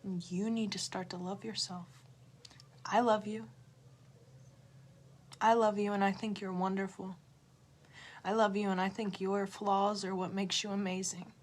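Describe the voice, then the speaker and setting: A woman reading tarot on a livestream urges her viewers on emotionally, saying the same things over and again and shifting between loud pushes and hushed near-whispers. She has a mid-range voice with little pitch movement, a measured pace, and frequent pauses.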